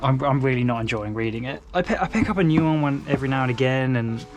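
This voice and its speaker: A young English man chatting casually at home as he organises his manga shelves, relaxed and rambling with frequent restarts. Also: mid-range voice, quick pace, highs cut off. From England. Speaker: manga collector vlogger. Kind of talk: casual chat.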